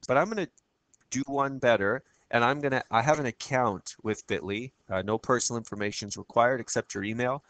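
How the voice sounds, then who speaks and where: A man with a froggy, croaky voice giving a casual screencast tutorial as a teacher, chatting through each step and often checking in with "okay?". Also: medium pitch, a little fast, a bit bright, dry recording.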